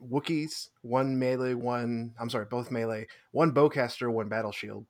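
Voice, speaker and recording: A man's voice: mid-range voice, fairly even intonation, normal speed, a little mellow. Chatty man laughing through a recap. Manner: rambling, self-deprecating, laughs often. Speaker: podcast co-host. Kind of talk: casual chat recapping a tabletop tournament.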